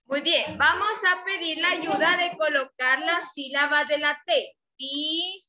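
A woman kindergarten teacher giving a remote phonics lesson, sounding out syllables deliberately and praising often. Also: high voice, crowd noise. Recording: dull lo-fi audio with steady noise.

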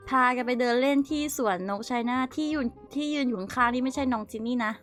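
A young woman with a high, bright voice chats and giggles as she tells stories about old photos. She fires off quick asides with constant laughter, and faint music plays behind her. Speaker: streamer. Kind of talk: casual storytelling while showing childhood photos.

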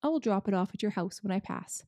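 A woman voicing Father Christmas, slow and stately, in a storybook reading. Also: mid-range voice, lively intonation, mellow, no room sound, clean studio sound, close to an everyday voice. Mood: solemn, kindly. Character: huge, kindly, solemn old Father Christmas.

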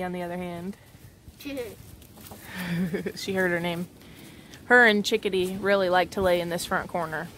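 A woman's voice: medium pitch, noisy background. A woman in her twenties chatting and explaining chicken care at her coop, filmed on a phone at arm's length outdoors. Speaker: homestead vlogger. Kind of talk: casual vlog narration. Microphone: phone held at arm's length. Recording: clucking chickens and clicks behind.

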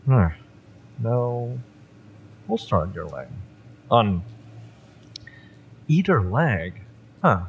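Acting in a scripted romance audio drama, a man portrays a fiery mercenary who is cocky, exasperated, and menacing but familiar. He sounds suspicious and puzzled, his low, gravelly voice swinging expressively in a full character voice as he taunts slowly and sardonically over noticeable ambient noise.

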